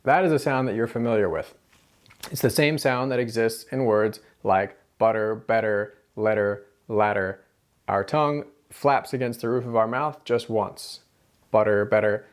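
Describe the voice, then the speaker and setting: Male language tutor, American accent, mid-pitched, casual instructional delivery with rolled R drills. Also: moderate pace. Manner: demonstrates rolled and tapped R sounds, repeating example syllables and words. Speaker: language teacher.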